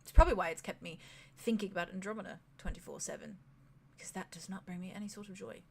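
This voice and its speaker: A woman's voice: mid-range voice, quick pace, creaky, darkish tone, a little hiss or hum, lightly acted. A woman playing a bleak, sardonic brooding man. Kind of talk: tabletop role-play in character.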